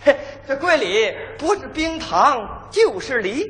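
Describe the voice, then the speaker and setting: An actor playing a mischievous, greedy young peasant brother in a comic folk opera, teasing and punning. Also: male voice, very high-pitched, very animated, takes it slowly, a bit bright, full character voice. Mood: scheming. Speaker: errenzhuan actor. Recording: hall reverb with faint noise.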